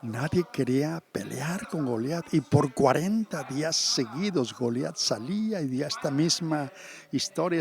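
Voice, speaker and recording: A man preaching a sermon, telling a scripture story in an animated way and acting out the quotes. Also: on the high side.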